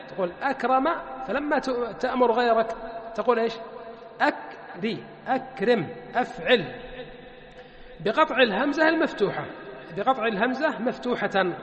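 High-voiced male teacher in an echoey hall. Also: a bit bright. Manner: asks the class questions and answers them himself; draws out word forms slowly. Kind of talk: grammar lesson.

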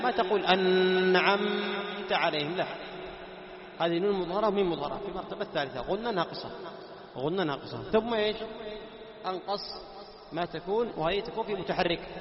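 A man teaching a class, quizzing his students, repeating key terms and slowing down to recite examples. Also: high-pitched. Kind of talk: classroom lesson on tajweed. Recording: echoey hall, dull lo-fi sound.

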